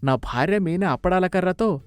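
A man's voice: high-pitched, lively intonation, normal speed, clear, resonant tone, no echo, soft background music, pitched above the performer's own voice. A man voicing a young husband in pain, whining and complaining. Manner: whining, pained.

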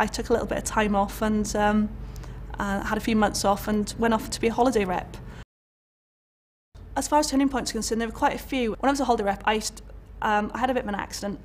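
A young Welsh woman who lectures at a college speaks openly about her career during an interview in a college room indoors. Her voice sits fairly high, and there's a faint hiss or hum behind it. She's chatty, full of fillers and restarts.

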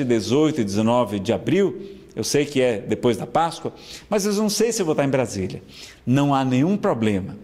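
A man's voice: on the high side, darkish tone. A man with a Brazilian accent giving a spiritist talk, earnest and persuasive, often checking in with his listeners. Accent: Brazilian Portuguese. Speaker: spiritist speaker. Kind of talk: lecture announcement.

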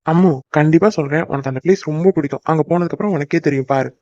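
A man's voice: on the high side, rapid-fire, darkish tone, no room sound, muffled recording, close to an everyday voice. A young man voicing a teasing, devoted boyfriend in a cartoon, coaxing and joking. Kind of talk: cartoon voice acting.

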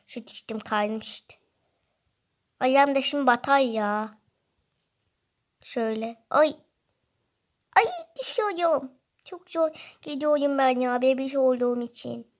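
A woman giving playful game commentary, whining in fun as if she were a baby. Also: high-pitched. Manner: playful, whiny, pretending to be a baby. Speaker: gaming video host.

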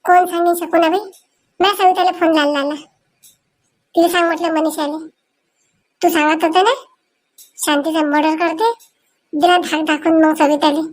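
A woman acting in a comic village sketch, pleading in a high voice. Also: little pitch movement, normal speed, pauses often.

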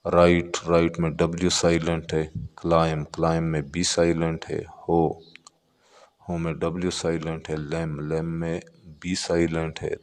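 A man teaching a textbook exercise with a Pakistani accent, reading English words slowly and explaining them. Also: sits low, monotone, long reverb tail. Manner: reads English words slowly, then explains them in Urdu-flavoured Hindi.

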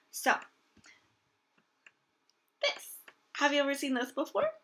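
High-voiced young woman, kids show host style. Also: a bit bright. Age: 20s. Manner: addresses children in simple, encouraging questions, like a kids show host. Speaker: elementary math teacher. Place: small room at home, indoors. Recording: clear background noise, room ambience.

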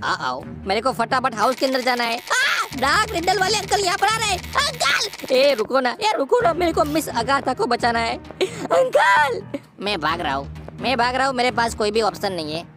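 A woman voicing an excitable, boastful boy cartoon hero while commenting on a game, teasing and shouting at the villain. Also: high-pitched, moderate pace, over music. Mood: excited. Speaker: gameplay commentator. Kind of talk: playful gameplay commentary in character.

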